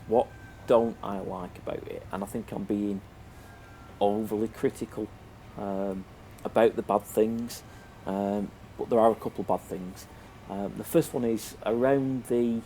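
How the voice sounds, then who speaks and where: Low, mellow British man with a sniffly cold. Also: rough recording. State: has a cold. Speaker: game reviewer and presenter. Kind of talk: casual unscripted review commentary. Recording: noticeable background noise.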